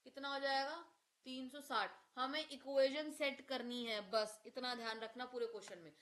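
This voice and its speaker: A woman's voice: high voice, steady tone, moderate pace, a bit bright. A woman teaching a maths lesson, explaining step by step and asking questions that she answers herself. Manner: addresses students as beta. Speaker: maths tutor.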